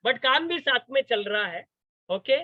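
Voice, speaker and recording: A man's voice: very high voice, lively intonation, a little slow, no echo, muffled recording. A man giving a storytelling motivational talk, acting out the voices of the people in his story. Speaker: motivational speaker.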